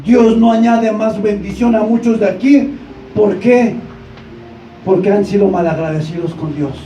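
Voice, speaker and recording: Male pastor, high mellow voice, preaching in a roomy church, mic set back. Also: a little slow, faint music behind. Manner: preaches with rhetorical questions to the congregation, rising to shouts. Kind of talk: sermon. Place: church sanctuary. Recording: echoey church room, distant mic, dull sound.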